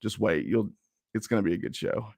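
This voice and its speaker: A man's voice: on the low side, brisk, vocal fry, a little mellow, dry recording, studio quality. Upbeat man hosting a live stream. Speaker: host.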